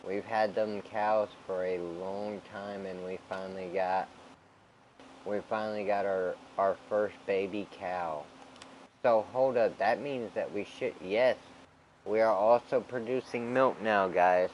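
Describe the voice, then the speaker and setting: Monotone young-sounding man, low voice. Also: measured pace, dull audio, slight background noise. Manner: monotone, laid-back, says "bro" often. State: hiccups. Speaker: gaming channel host. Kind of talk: casual gameplay commentary.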